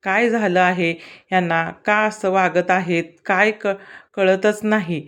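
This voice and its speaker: A woman voicing a caring but guarded young wife in a spoken story, talking soft and plain. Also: mid-range voice, steady tone, slow, lightly acted. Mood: wondering.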